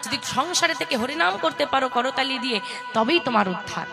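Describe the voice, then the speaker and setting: A woman's voice: high voice, lively intonation, fast, vocal fry. A woman giving a playful devotional sermon to a seated audience, teasing listeners and calling them to chant along. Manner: playful, teasing the audience, calls for call-and-response. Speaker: kirtan preacher. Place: religious gathering before a seated audience. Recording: loud live music behind the voice. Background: devotional music.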